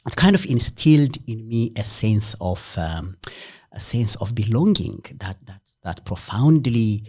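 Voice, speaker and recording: A man from Ethiopia, a senior lecturer interviewed as a guest, speaking thoughtfully and haltingly with many fillers. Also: on the low side, expressive, darkish tone, husky.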